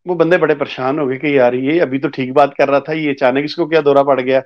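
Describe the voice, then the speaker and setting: A man telling a long personal story as an interview guest, acting out the other people's lines as he goes. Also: mid-range voice. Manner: animated storyteller who acts out quoted dialogue. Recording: muffled lo-fi audio.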